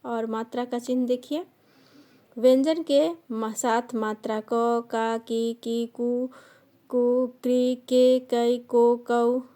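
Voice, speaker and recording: A woman teaching a grammar lesson, slowly dictating definitions and listing sounds and example words one by one. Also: on the high side, fairly even intonation, mellow. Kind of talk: slow classroom grammar lesson.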